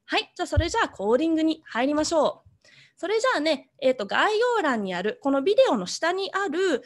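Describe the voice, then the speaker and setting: A woman's voice: high-pitched, big pitch swings, quick pace. A woman teaching an online coding lesson to children, cheerful, and mixing English words into her speech.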